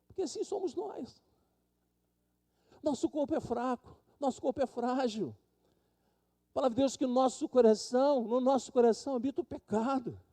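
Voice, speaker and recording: A Brazilian man preaching a sermon in a church. His voice sits high for a man yet sounds very dark and mellow. He throws himself into the stories he tells, swinging his voice up and down as he voices the people in them. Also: a little fast. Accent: Brazilian Portuguese. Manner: dramatic, acts out quoted people with big pitch swings. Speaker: pastor. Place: church sanctuary.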